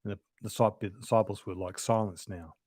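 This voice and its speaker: A man's voice: lowish voice, fairly even intonation, fast, darkish tone, no room sound. A man presenting a Bible study lesson in an informal, explanatory way, thinking aloud as he goes. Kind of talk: conversational Bible study teaching.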